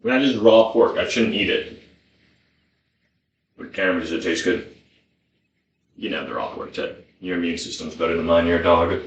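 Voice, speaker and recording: A man's voice: low-pitched, normal speed, pauses often, lo-fi sound. A man rambling casually as he cooks, swearing freely and muttering to himself. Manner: foul-mouthed, muttering to himself. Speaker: home cook filming himself. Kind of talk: casual rambling cooking chat. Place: indoor kitchen. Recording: roomy, echoey indoor sound.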